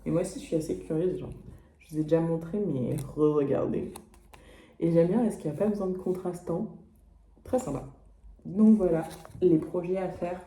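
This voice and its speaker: A woman's voice: on the low side, normal speed, pauses often, mellow, roomy sound. A young woman from France chatting casually in a knitting vlog, slangy and full of fillers and restarts. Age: young adult. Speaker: knitting vlogger, exchange student.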